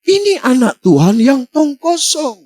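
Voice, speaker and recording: Male preacher, slow and deliberate, very animated delivery, emphatic with rhetorical questions. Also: very high-pitched. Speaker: pastor. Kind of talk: sermon.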